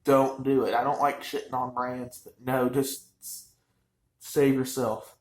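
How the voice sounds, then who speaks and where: A man's voice: mid-range voice, little pitch movement, unhurried. Chatty man in an echoey room. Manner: rambling, chatty, frequent fillers. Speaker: vlogger reviewing wine. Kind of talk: casual chat.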